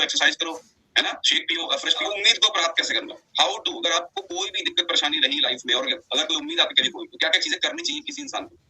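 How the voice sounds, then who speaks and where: A man giving a motivational talk to a wellness club group, animated and mixing English phrases into his speech, with a husky voice. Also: high voice, poor audio.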